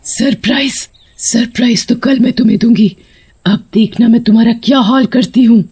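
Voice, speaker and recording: Lady doing a spiteful cartoon witch, snarls her threats, pitched up high. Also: moderate pace, darkish tone, breathy edge. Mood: vengeful. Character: vengeful female witch spirit, furious.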